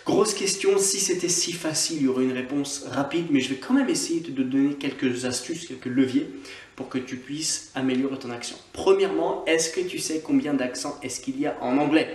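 A man's voice: medium pitch, fairly quick, darkish tone, reverberant. A man from Scotland, an online English teacher, giving a chatty video lesson and drilling words by repetition. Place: on holiday, away from usual setting.

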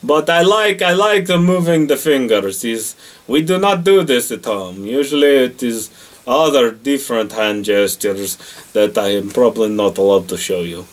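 In a comedy monologue, a man puts on a Russian accent to play a boastful, jokey character who rates things, speaking broken English and referring to himself by name. His mid-range voice is natural and animated at a normal speed, with a deadpan boasting mood. The mic sits at a distance.

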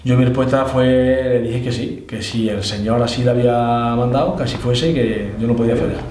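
A man's voice: medium pitch, brisk, darkish tone. A middle-aged man with an Andalusian accent telling his story conversationally in a casual interview. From Spain, Andalusia. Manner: conversational, often adds tag questions. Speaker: interviewee, Holy Week proclamation orator. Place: indoors, room with display cabinets. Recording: echoey, slightly distant, faint noise.

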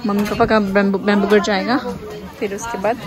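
A woman's voice: medium pitch, little pitch movement, brisk, crowd noise. A young woman vlogging in a village, talking chattily to her phone camera, laughing often and mixing in English words. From Arunachal Pradesh, India. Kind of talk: casual vlog narration. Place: village outdoors at night and inside a bamboo house. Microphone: phone camera held at arm's length.

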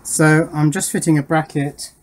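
A middle-aged electronics hobbyist shows off his workshop project in a small wooden garden shed, narrating the hands-on work casually and thinking aloud as he goes. His voice sits on the high side with a level tone and normal speed, and the recording is rough.

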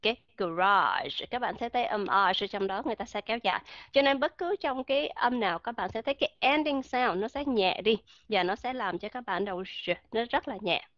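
A woman's voice: a little high, lively intonation, fairly quick, no echo, dull audio. A woman teaching English pronunciation in an online lesson, explaining patiently with many fillers and checking that her students understand. Her first language is Vietnamese.

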